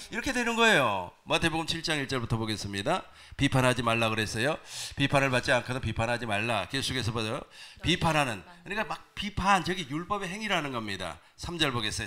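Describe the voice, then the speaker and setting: A male pastor preaching a sermon to his congregation, animated, asking them questions. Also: mid-range voice. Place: church sanctuary.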